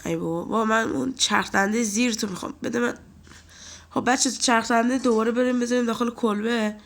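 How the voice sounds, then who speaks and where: Man, stuffy nasal voice with some fry, casual let's-play YouTuber chatting to his viewers. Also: very high voice, steady tone, fairly bright tone. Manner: chatty, talks to viewers and scolds game characters. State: nasal from a cold. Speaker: gaming YouTuber.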